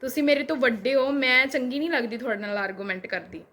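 A woman's voice: high-pitched, quick pace, a bit bright. A young woman with a Punjabi accent, a vlogger firing back at a critic with repeated rhetorical questions. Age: young adult. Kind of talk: reply video rant.

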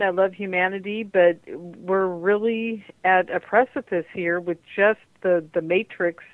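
A woman's voice: lowish voice, no echo. A woman hosting a radio show over a landline phone, talking casually in a candid, confiding way. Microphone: landline telephone. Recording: muffled narrowband landline phone line.

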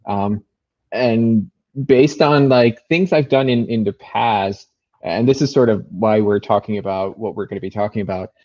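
A man's voice: lowish voice, normal speed, highs cut off. A man appearing as a guest on a tech livestream, talking in casual chat with upbeat enthusiasm and some fillers. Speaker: guest, developer advocate.

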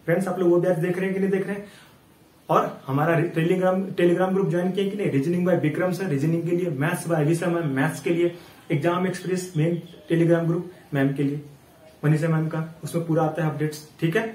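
A man teaching a reasoning class in a casual, coaxing way. He keeps asking the viewers questions, counts sums aloud in quick running tallies, and is still getting over an illness. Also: fairly high pitch, steady tone, darkish tone, roomy sound, far from the mic, poor audio. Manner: chatty and coaxing, asks questions and answers them himself. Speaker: online exam tutor.

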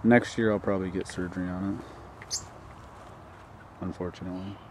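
A man's voice: sits low, flat delivery, moderate pace. A man chatting in a laid-back way during a disc golf round, recorded outdoors. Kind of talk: casual chat. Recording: outdoor camera audio with clear background noise.

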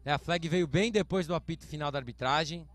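A man's voice: fairly high pitch, brisk, dry recording. A Brazilian man giving live American football play-by-play commentary, explaining calls in short announcer phrases. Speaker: sports commentator.

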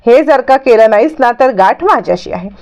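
A woman's voice: a little high, expressive, a little mellow, close to an everyday voice. Woman voicing a scheming scolding aunt. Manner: stern, slow, hectoring scolding. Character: scheming scolding middle-aged woman, bossy and sharp-tongued. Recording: dull lo-fi recording.

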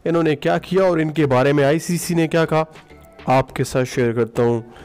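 Over soft background music, a man gives casual solo commentary on a cricket match as a vlogger, voicing it over rather than recording at the ground. He speaks fairly quickly in a fairly high, darkish-toned voice, sprinkling in filler sounds and English phrases.

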